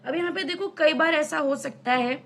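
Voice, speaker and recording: A woman's voice: high-pitched, moderate pace, fairly bright tone, a little hiss or hum. A young woman teaching an online class in a chatty way, explaining with everyday examples and asking rhetorical questions. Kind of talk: casual online lesson.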